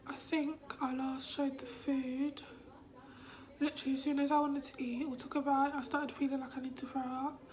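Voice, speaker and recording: Hoarse, whispery woman recovering. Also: high-pitched, level tone, normal speed, darkish tone. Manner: weak, drowsy, often whispering. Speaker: vlogger. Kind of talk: casual vlog. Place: hospital room.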